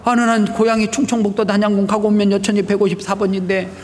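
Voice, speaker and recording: A male pastor preaching a sermon, telling stories with shouted prayers and rhetorical questions. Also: sits high, flat delivery, quick pace, long reverb tail, a little hiss or hum. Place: church sanctuary.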